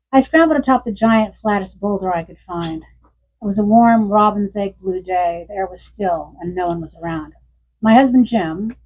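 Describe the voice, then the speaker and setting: Woman, sixties, author reading her memoir, bookstore event, husky breathy voice, dull lo-fi recording. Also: medium pitch. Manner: warm storytelling with frequent laughs.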